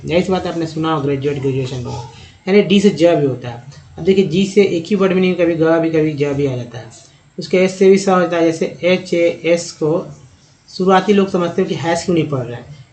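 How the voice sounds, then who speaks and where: A man's voice: fairly high pitch, a little mellow. A man teaching English reading, explaining sounds patiently and spelling out words letter by letter. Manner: slow, spells out letters one by one. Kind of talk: explanatory lesson narration.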